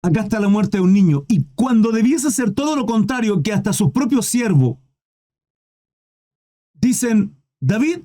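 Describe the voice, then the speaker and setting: A man preaching with fervor, his voice pitched high yet mellow and dark in tone. He drives his points home with rhetorical questions and keeps turning to his listeners as brothers. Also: lively intonation, moderate pace, pauses often. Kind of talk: sermon.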